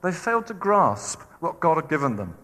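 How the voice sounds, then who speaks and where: A man's voice: a little high, normal speed, big-room sound. A man preaching a sermon, acting out quoted voices as he goes. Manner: animated, acts out quoted voices.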